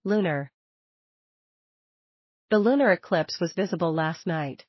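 A woman reads vocabulary words and sample sentences in a slow, carefully spaced delivery. Her voice sits on the low side for a woman. The sound is dry and a bit dull, with little room and muted highs. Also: animated, dry recording. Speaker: vocabulary reader. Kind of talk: slow scripted word-and-sentence reading.

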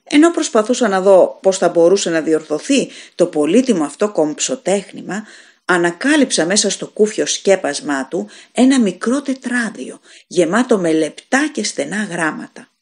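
A woman narrating an audiobook of a gothic story in a measured, expressive way. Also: medium pitch. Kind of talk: scripted narration of a gothic tale.

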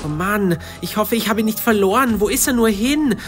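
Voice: medium pitch, brisk, music in the background, natural voice. A performer voicing an anxious young girl detective with asthma, talking breathlessly and stammering in a hurry. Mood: hurried. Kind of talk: storybook narration in first person.

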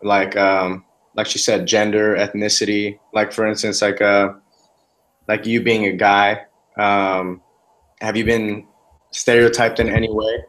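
A man helps run the interview, rewording questions in a loose, casual way full of fillers. His voice sits somewhat low. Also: level tone, a little slow, fairly bright tone, low-quality recording. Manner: casual, filler-heavy phrasing.

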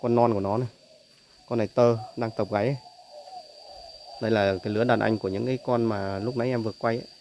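A man who breeds doves gives a casual, chatty tour of his cages while filming on a phone, filling pauses with short tags. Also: on the low side, steady tone, low-quality recording. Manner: chatty, repeats "đấy" between points. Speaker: dove breeder selling birds. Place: bird aviary with cages. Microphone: phone held while filming. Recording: loud bird noise on phone audio. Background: doves cooing loudly.

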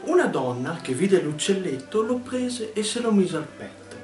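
A man reciting a comic rhyming poem with a theatrical delivery, recorded from afar in an echoey pizzeria over loud music. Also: high voice, very animated, moderate pace, far from the mic. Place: restaurant pizzeria.

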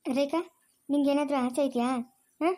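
A bold, caring elder sister in a cartoon, voiced by a woman who soothes and coaxes over and over. She speaks in a very high voice. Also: fairly even intonation, moderate pace, warm tone, natural voice. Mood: soothing. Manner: soothing, coaxing, repeats comfort.

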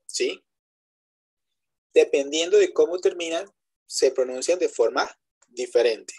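Husky-voiced man teaching English online. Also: on the high side, a little mellow. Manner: explains step by step, keeps checking with students; switches between Spanish explanation and English examples. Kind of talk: online class lecture. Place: web conference.

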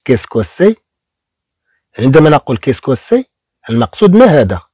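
A man teaches beginner French, breaking words into slow, drawn-out syllables. His voice is mellow and a little husky, with a lively rise and fall. The sound is dry and close. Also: mid-range voice, no echo.

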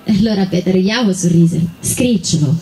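A woman with an Italian accent reading a children's story aloud, gently and unhurried, with small slips. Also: fairly high pitch, animated.

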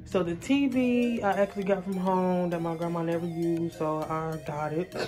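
A woman's voice: lowish voice, fairly even intonation, moderate pace, dark tone. A young woman who owns a salon suite, casually walking viewers through her small indoor space on a handheld phone and chatting to them as y'all. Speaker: salon suite owner and braider. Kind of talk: casual walkthrough tour. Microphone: handheld phone camera. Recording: music playing behind the voice.

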